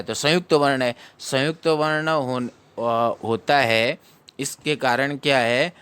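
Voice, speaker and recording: A man teaching recitation, sounding out syllables slowly and explaining briskly. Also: medium pitch, fairly bright tone, clean tone. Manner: chants verses slowly in a melodic tune. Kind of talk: recitation lesson.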